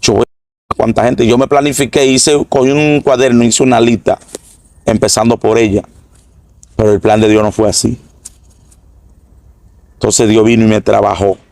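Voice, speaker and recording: A middle-aged man recounts his religious testimony in an earnest, halting way, circling back over his own phrases. His voice sits low and gravelly. The sound is dry and close. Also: flat delivery, darkish tone, dry recording. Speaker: former drug trafficker giving testimony.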